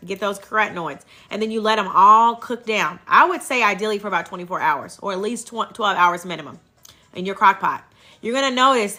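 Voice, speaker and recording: A woman with a Kentucky accent and a very bright, forward voice. She hosts a casual livestream in a folksy, chatty way, with a middle-range pitch, dropping thanks to viewers into her talk. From Kentucky, United States. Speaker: livestream host and herbal health seller.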